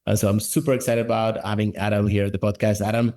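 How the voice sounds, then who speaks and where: A man's voice: lowish voice, little pitch movement, fast talker, a little mellow. A man hosting a conversational interview podcast in an informal, enthusiastic manner. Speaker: podcast host.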